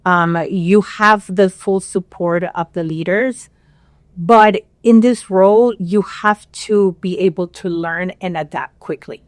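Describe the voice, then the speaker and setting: A woman from Peru who moved to the US as a child, talking as a podcast guest in a measured way, pausing often with fillers. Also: lowish voice, no echo. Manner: measured, with frequent pauses and fillers. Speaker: podcast guest, regional director. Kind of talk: interview conversation.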